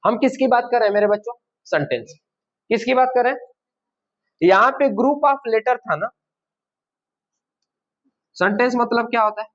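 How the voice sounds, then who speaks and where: High-voiced man teaching a grammar class. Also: moderate pace, pauses often, a bit bright. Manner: asks the class rhetorical questions and answers them himself. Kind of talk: classroom lesson. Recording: dull lo-fi classroom recording.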